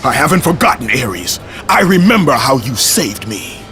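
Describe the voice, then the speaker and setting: A man playing a brooding, vengeful Greek warrior in a video game, with a gruff voice and a terse, grim delivery. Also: big pitch swings, normal speed. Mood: bitter anger. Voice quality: gruff, deep. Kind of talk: dramatic video game acting. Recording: loud music underneath.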